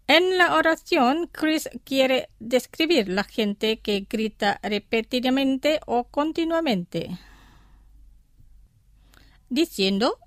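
A woman teaching vocabulary in a scripted radio lesson, pronouncing each word slowly and repeating it carefully. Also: fairly high pitch, no room sound, studio quality. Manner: slow, careful pronunciation with repetitions. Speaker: language teacher.

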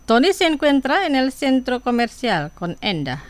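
A woman presenting a radio language lesson, saying each phrase twice before she translates it. She speaks slowly and carefully and has a tongue. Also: high-pitched, sing-song, dry recording.

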